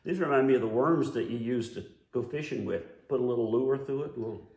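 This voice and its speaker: A man's voice: mid-range voice, quick pace, darkish tone. A man co-hosting a casual taste-testing vlog, joking and rambling as he hunts for words. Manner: jokey, rambling, searches for words. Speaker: vlog co-host. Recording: echoey room.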